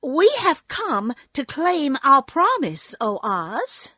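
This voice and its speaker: A woman's voice: high voice, very animated, slow, sharp tone, no room sound, clean studio sound, voice pushed up, heavily acted. A woman voicing an earnest, indignant young girl who exclaims and insists, in a storybook reading. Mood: demanding.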